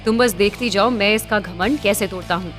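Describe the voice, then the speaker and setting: A woman voicing a cocky young college man who speaks in a low, smooth, unhurried way. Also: fairly bright tone, soft background music, close to an everyday voice. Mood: cool smug.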